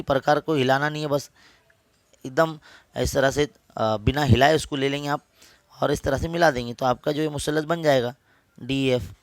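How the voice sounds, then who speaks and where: A maths teacher with an Urdu accent and a fairly high voice patiently takes students through geometry step by step, repeating each point, with no echo in the recording.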